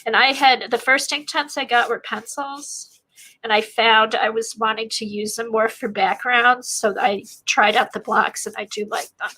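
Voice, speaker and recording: In a casual art demonstration, a woman whose voice is congested from a sinus infection rambles through her thoughts as she works on a craft technique. She speaks at normal speed in a fairly high, sharp voice with fairly even intonation, captured on a rough recording.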